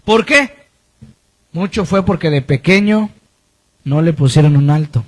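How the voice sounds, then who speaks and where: A man's voice: fairly high pitch, animated, measured pace. A man pastor preaching a sermon, pressing his points with emphatic repetition and sudden swings in his voice. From Colombia.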